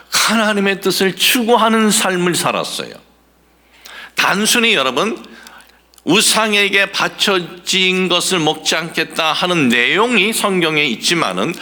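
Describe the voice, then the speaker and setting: Male pastor, middle-aged, sermon, lively pitch swings, rhetorical questions. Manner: preaching with rhetorical questions, rising emphatic passages.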